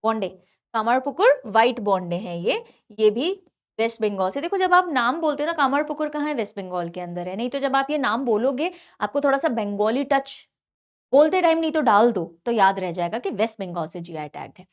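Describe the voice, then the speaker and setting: A woman exam-prep teacher with a fairly high voice. She talks in an animated way, repeats key names over and over, and drops English terms into her Hindi. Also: brisk. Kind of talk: online lecture for competitive exams.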